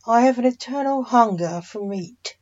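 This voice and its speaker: A woman's voice: fairly high pitch, normal speed, darkish tone, lightly acted. Woman reading as a gloating rotting zombie man. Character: hungry rotting male zombie, mocking. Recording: dull lo-fi.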